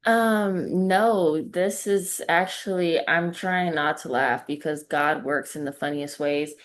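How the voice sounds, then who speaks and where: A young woman with a notably low voice speaks slowly as she gives feedback in a mentoring practice session. She sounds appreciative, and her thoughts often pause on fillers. Her delivery stays measured and unhurried. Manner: warm and appreciative, with frequent fillers. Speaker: practice partner giving feedback.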